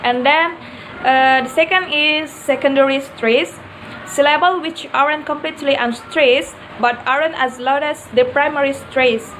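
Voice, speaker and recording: A young woman with a high voice presents a lesson slowly, her first language Indonesian. She pauses often with "uh" between points. A faint hiss of background noise sits under the recording. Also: a bit bright, low-quality recording. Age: young adult. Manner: hesitant, many "uh" fillers. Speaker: student presenter. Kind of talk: class video presentation.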